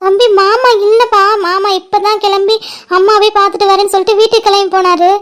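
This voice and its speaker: A woman's voice: very high voice, fairly even intonation, fast, fairly bright tone. A woman voicing a flustered middle-aged mother who frets and exclaims in worry in a cartoon. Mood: fretful. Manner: fretful, exclaiming. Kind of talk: cartoon voice acting.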